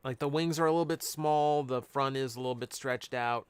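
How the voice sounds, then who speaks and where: A man's voice: medium pitch, a little fast, smooth, no room sound. A man chatting casually on a live stream, reading out cards and answering chat. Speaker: streamer opening card packs.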